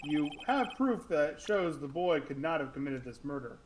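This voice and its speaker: A man's voice: a little high, big pitch swings, normal speed, background noise. A man voicing a pompous, easily swayed courtroom judge in a comedic game dub, speaking formally. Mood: stern. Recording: music behind the voice.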